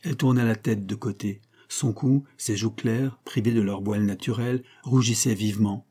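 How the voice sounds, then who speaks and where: A man's voice: lowish voice, fairly even intonation, normal speed, dark tone, slightly rough. A man narrating a classic novel as an audiobook in a solemn, declamatory manner.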